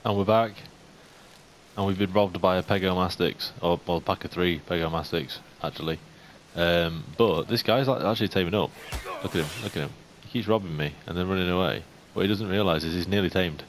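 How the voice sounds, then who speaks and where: A young man giving casual game commentary, chatting to the animals in the game and getting jumpy and excitable. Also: deep voice, brisk. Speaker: gaming YouTuber. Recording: faint hiss.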